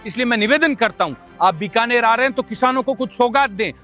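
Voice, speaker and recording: High-voiced, forceful man, declamatory. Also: fast talker, faint music behind. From Bikaner area, Rajasthan, India. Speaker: local political activist. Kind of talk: impassioned political video statement.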